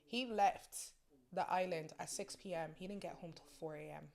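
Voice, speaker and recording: A young woman chats as a podcast co-host, her voice sitting slightly low. She tells stories with animation and now and then breaks into loud laughter. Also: moderate pace, gravelly. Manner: animated storyteller, bursts into loud laughing screams. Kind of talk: casual chat.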